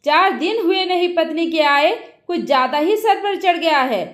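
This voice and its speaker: A woman voicing an angry middle-aged mother who shouts and scolds her son, in a roomy echo. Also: very high voice, a little slow. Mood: furious.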